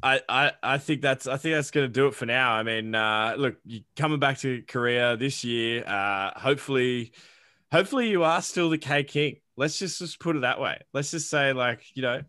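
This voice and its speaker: Bright-toned upbeat podcast host. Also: male voice, mid-range voice, normal speed. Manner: upbeat, hyping up others. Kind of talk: casual podcast chat.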